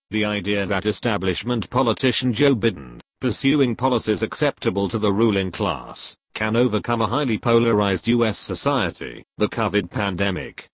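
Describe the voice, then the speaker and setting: A man reading a political article aloud as scripted narration, in a steady, measured delivery. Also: on the low side, slightly rough, no room sound.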